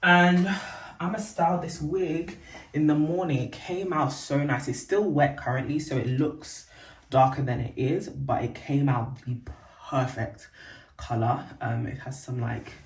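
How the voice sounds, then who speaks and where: A woman's voice: sits low, steady tone, unhurried. A young woman chatting casually to the camera for her vlog, rambling and correcting herself with lots of fillers, recorded at home. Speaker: vlogger. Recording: roomy, distant, faint background noise.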